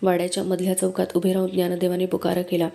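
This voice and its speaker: Mellow-voiced woman reading a book aloud. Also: lowish voice, fast talker, gravelly. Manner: steady storytelling narration. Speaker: book reader.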